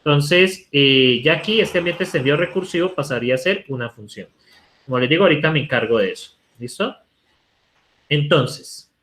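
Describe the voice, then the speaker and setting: Here a Colombian university lecturer's slightly high, a bit bright voice carries lively intonation at a moderate pace. He's explaining code live to an online class in Colombian Spanish, typing as he goes and repeatedly asking "¿cierto?"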